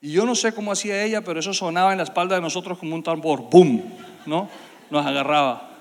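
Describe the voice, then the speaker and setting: A man preaching to a congregation, telling a childhood story in an animated way with sound effects, in a church hall. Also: sits high, rapid-fire. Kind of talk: sermon storytelling. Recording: long hall reverb.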